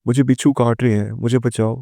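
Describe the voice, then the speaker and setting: A man's voice: medium pitch, fairly even intonation, creaky, warm tone, no room sound, studio quality, natural voice. A man reading as a paranoid, terrified young wife.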